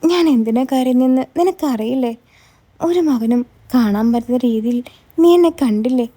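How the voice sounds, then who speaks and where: A woman's voice: fairly high pitch, moderate pace, mellow, natural voice. Woman voicing a worried middle-aged mother. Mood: distraught. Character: anxious middle-aged mother, shy and tearful.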